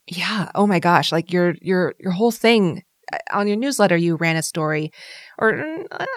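A woman's voice: lowish voice, lively intonation, normal speed, dry recording, clean studio sound. A woman hosting a podcast, chatting casually and enthusiastically with many fillers and restarts. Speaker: podcast host.

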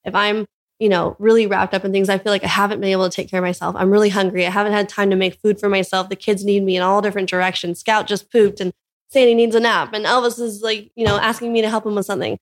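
A woman's voice: medium pitch, steady tone, fast talker. A young woman from California, a mother of young children, talking earnestly in a casual interview, with lots of "like" in her speech. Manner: earnest, filler-heavy with frequent "like". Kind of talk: casual conversation.

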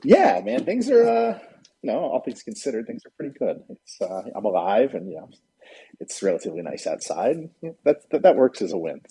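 A man talking casually about sports as a guest, informal and opinionated, in halting bursts with a husky voice. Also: mid-range voice, sing-song, dark tone. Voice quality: husky, rough-edged.

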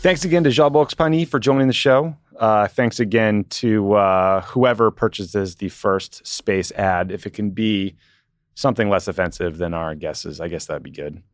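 Low-voiced American man hosting a podcast. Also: normal speed, no echo, studio quality. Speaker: podcast co-host. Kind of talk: casual podcast chat and sign-off.

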